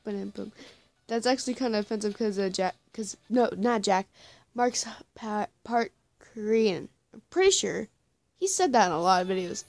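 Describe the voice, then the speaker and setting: A woman giving casual reaction commentary while dubbing a comic, giggly and quick to run herself down. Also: medium pitch, animated, a little mellow. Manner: giggly, self-deprecating asides. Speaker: comic dub reader.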